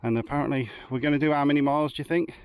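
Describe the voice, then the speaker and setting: A man's voice: on the high side, fairly even intonation, very fast, a little mellow, dry recording. A man hosting a casual travel vlog, chatting and joking to the camera while outdoors at a campsite and on walks. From England. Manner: chatty, jokey, narrating to camera. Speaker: vlog host. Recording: outdoor recording with clear background noise.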